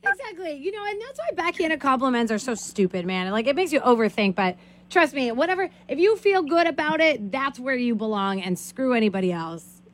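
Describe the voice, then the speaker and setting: Chatty high-voiced woman radio host. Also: brisk. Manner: chatty, gossipy, animated. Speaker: radio morning show host. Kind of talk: casual radio chat.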